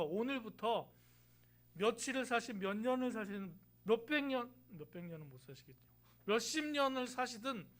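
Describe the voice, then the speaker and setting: Speaking with a high, fairly bright voice, a male pastor delivers a conversational sermon in a church sanctuary. He asks the congregation rhetorical questions and dramatizes quoted lines.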